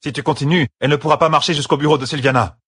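A man's voice: a little high, steady tone, a little slow, pushed and bright, breathy edge, dry recording, clean studio sound, voice pushed up, exaggerated voice. A man voicing a blunt, plain-spoken woman with a strong rustic country accent. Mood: firm.

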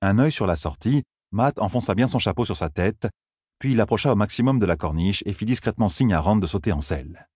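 A man narrating an audiobook in a steady, even reading manner. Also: lowish voice, brisk, husky, dry recording, clean studio sound.

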